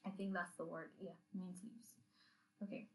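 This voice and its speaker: A woman's voice: lowish voice, flat delivery, moderate pace, rough recording. Woman narrator, story with recipes, humorous asides.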